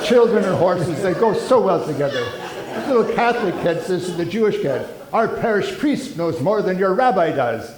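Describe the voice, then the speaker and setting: An actor playing a jovial parish priest who tells jokes with a chuckle and sings an old ballad. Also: male voice, high-pitched, sing-song, moderate pace, a crowd in the background, noisy background. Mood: amused. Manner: chuckling storyteller who breaks into song. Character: jovial joke-telling male parish priest. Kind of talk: stage play in a pub, jokes and song. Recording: echoey room with loud guitar.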